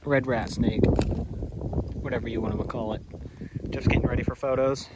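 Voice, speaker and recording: A man's voice: mid-range voice, steady tone, moderate pace, dull audio, heavy background noise. A man in his twenties vlogging casually, with slangy, incredulous talk and a habit of repeating phrases, recorded outdoors on a handheld camera. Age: 20s. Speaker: vlogger on a snake-finding trip. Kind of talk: casual excited vlog talk. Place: outdoors at night, parking lot and roadside.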